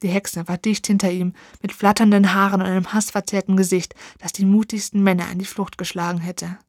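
A woman reading a fairy tale aloud, expressive and dramatic, slowing down for tense moments. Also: medium pitch, no room sound, clean studio sound. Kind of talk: storybook narration.

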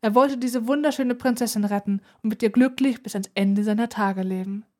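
A woman narrating a children's adventure story aloud in an even, expressive way. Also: a little high, a little fast. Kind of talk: storybook reading.

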